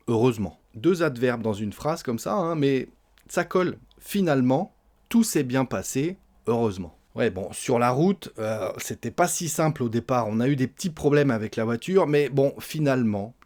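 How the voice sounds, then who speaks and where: A man teaching a spoken French lesson, explaining phrases and acting them out in lively example dialogue, often adding a tag word at the end. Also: medium pitch. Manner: frequent tag "hein".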